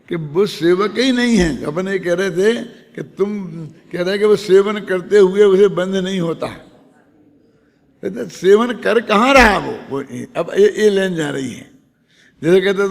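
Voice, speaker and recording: A man's voice: high voice, gravelly, long reverb tail. An older man giving a conversational religious discourse on scripture, often checking whether his listeners follow. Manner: conversational, asks listeners "समझे ना?".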